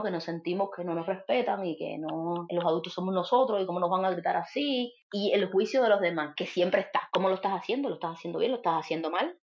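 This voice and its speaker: An earnest Cuban woman talks through her ideas in an easy conversational podcast style. Her voice sits at a middle pitch, and the recording is slightly dull and lo-fi. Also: gravelly, a little mellow. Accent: Cuban Spanish. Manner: earnest, explaining with examples. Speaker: guest speaking about parenting.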